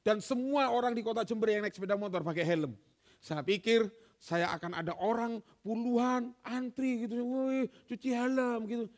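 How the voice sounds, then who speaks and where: A man preaching a sermon, telling stories and acting out quoted dialogue, swinging between loud and soft. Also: high voice, normal speed.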